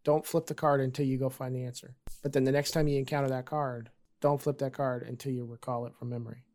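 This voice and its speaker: A man's voice: medium pitch, little pitch movement, quick pace, a little mellow. A man hosting a podcast, explaining things in a casual conversational way. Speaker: podcast host.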